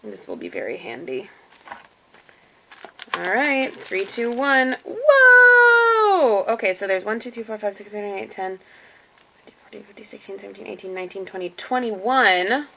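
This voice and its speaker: A woman's voice: medium pitch, big pitch swings, normal speed, creaky, pauses often, very noisy. A woman chatting casually to camera in a home vlog, self-deprecating and talking while she eats. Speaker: vlogger. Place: home room with computer.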